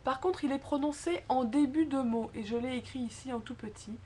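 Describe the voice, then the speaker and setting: A woman teaching a spoken language lesson, explaining words slowly syllable by syllable and stressing key words by repeating them. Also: high voice, mellow, slight background noise. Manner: slow, careful syllable-by-syllable explanation. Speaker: French pronunciation teacher.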